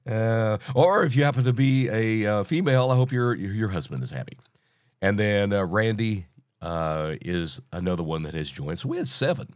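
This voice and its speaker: A man in his sixties hosting an informal Bible teaching podcast, talking in a halting, rambling way, sounding hollow as if through a tunnel. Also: on the low side, no echo, studio quality. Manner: halting, rambling, self-interrupting. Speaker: podcast host.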